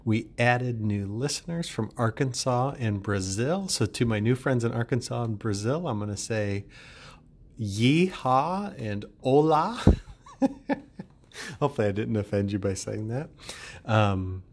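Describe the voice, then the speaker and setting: Gravelly, upbeat male podcast host. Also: lowish voice, moderate pace. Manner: upbeat and chatty, jokes with listeners. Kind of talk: solo podcast monologue.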